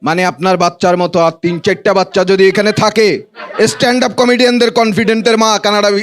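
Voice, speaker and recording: A Bangladeshi man with a notably high voice performs stand-up comedy. He talks colloquially to a live audience and teases them as he goes. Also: fairly even intonation, brisk. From Noakhali, Bangladesh. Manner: colloquial, teasing banter with the audience.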